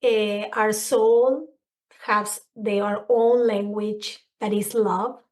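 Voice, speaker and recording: This middle-aged woman from a Spanish-speaking country speaks English as a second language with a Spanish accent, her voice medium-pitched and very slow. She's a counselor appearing as a guest on a podcast, earnest and expressive in a conversational interview, often searching for words.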